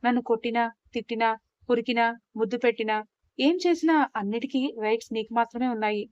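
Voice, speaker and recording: A reserved young husband, calm and soft-spoken, shy about showing his love, as a woman narrator reads him in her own fairly high voice. The sound is dry and a little muffled. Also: fast, no room sound, lightly acted. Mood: tender. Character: quiet young husband, reserved but loving.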